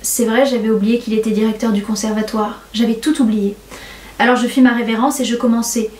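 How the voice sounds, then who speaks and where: A young woman hosting a book-club podcast, talking with lively enthusiasm about her reading and reading passages aloud. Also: a little high, brisk. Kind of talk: casual book-review talk and reading aloud. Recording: roomy echo.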